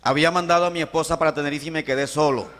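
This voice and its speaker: A Colombian man preaching a testimony as a pastor, telling the story in an animated way, acting out voices and swinging from shouts to hushed tones. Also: a little high, racing. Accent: Colombian Caribbean Spanish. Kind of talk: sermon testimony. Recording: long hall reverb.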